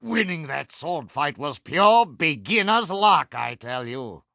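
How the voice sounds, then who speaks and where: Vain, theatrical pirate captain, Captain Hook. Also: male voice, on the high side, sing-song, takes it slowly, gravelly, bright, forceful tone, dry recording, clean studio sound, exaggerated voice. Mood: smug, courtly. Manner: pompous, theatrical, mock-genteel with pirate slang. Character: vain, pompous, villainous male pirate captain. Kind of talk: theatrical video game character lines.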